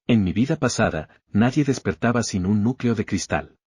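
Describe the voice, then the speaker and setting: A calm, strong young fighter speaking in terse, serious words, as a male narrator voices him in a low, husky tone. The voice is dry and close. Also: normal speed, dry recording.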